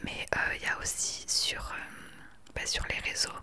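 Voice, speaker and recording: A woman in her late twenties talking earnestly and with conviction in a soft whispered ASMR chat into a desktop microphone. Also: moderate pace. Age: 20s. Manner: earnest, opinionated. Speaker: ASMR creator. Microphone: desktop USB microphone.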